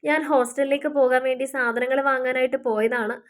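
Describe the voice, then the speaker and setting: A woman's voice: high voice, fairly even intonation, a little fast, natural voice. A woman doing an anxious, tearful young girl. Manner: anxious, pleading. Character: teenage girl, tearful and devoted.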